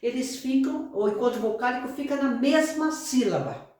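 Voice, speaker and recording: A Brazilian woman teaching a grammar lesson, explaining slowly, repeating herself and often checking that the class follows. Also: high voice, animated, darkish tone. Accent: Brazilian Portuguese. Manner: explains slowly with frequent check-ins and repetition. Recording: echoey room, voice far from mic.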